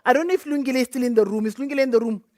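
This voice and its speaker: A fairly high-voiced woman, speaking into a stage mic at a launch event. Her sound is close and dry, and she talks earnestly to the crowd, piling up thanks and humble requests with chatty asides. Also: racing, a little mellow, no room sound. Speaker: bank programme representative. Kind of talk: closing speech at a launch event.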